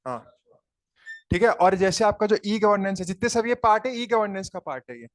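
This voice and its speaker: Indian man teaching, dictating notes slowly. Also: sits high, dry recording. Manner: explains in mixed Hindi and English, then dictates notes slowly word by word. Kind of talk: online coaching lecture.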